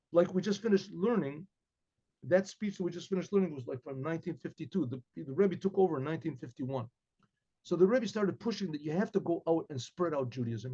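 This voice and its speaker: An older man with an American accent narrates a rambling story to a laid-back class from his desk webcam, surrounded by bookshelves, often clearing his throat and repeating words. He has a slightly high voice with a dark tone, and the high frequencies are cut off.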